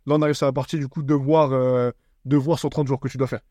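A man's voice: mid-range voice, level tone, fast talker, dark tone, dry recording, studio quality. A young man from France hosting a casual solo podcast, talking bluntly and teasingly in slang, calling the listener bro. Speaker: podcast host.

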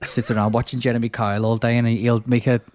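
A man's voice: medium pitch, flat delivery, quick pace, darkish tone. A man co-hosting a casual podcast, reacting bluntly and swearing as he tells stories. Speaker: podcast co-host. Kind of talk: casual chat.

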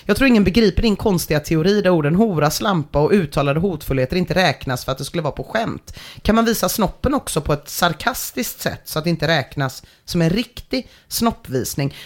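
Brief: podcast host, animated delivery, sarcastic and laughing often, casual comedic reading of forum posts. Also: mid-range voice. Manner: dry, sarcastic commentary with frequent laughter.

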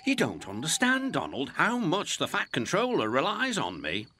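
A man's voice: a little high, huge pitch swings, moderate pace, pushed and bright, pitched above the performer's own voice, heavily acted. A man voicing a proud, fussy male steam engine in a storybook reading, talking earnestly. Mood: self-important. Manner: earnest, self-important. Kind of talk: storybook narration.

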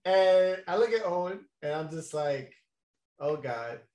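A young man spins a rambling story in a relaxed, slangy way, laughing between lines. His voice sits a little high for a man. The room around him is echoey. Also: normal speed. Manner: laid-back, laughing, slangy, many fillers. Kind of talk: casual storytelling chat.

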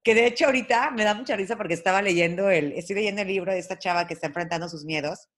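A woman's voice: medium pitch, racing. A woman with a Mexican accent hosting a podcast, telling stories in a chatty way with lots of fillers. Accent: Mexican Spanish. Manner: chatty, storytelling, many fillers. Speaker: podcast host. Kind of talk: casual chat.

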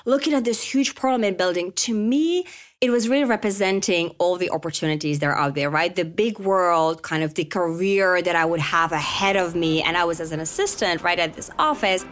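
A woman's voice: lowish voice, brisk. A woman from Finland, talking as a podcast guest in a chatty, easygoing way, often adding "right?" and "you know". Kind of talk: conversational interview.

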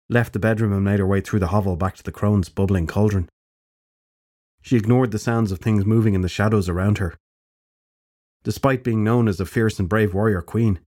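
A man narrating an audiobook fantasy story in a measured storytelling manner. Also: fairly low pitch, darkish tone.

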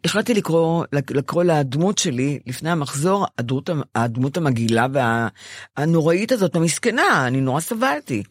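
An older woman chats with a co-host, her pitch leaping and dipping as she tells a long personal story. She acts out what she once said to others. The sound is close and dry, with no room around her. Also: breathy edge, dry recording. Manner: animated storytelling, acting out her own past lines. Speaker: podcast co-host. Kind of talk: casual chat.

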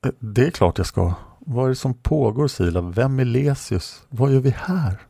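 A man's voice: mid-range voice, animated, gravelly, dark tone, breathy edge, no echo, voice pushed up. A man reading aloud and voicing a hesitant, shy young man in a storybook. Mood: confused. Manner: hesitant, uncertain.

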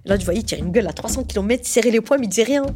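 Fast-talking woman telling a personal story. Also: on the high side, slight background noise. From southern France. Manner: lively, full of fillers, acts out the voices of people in her story. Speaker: storyteller recounting a past relationship.

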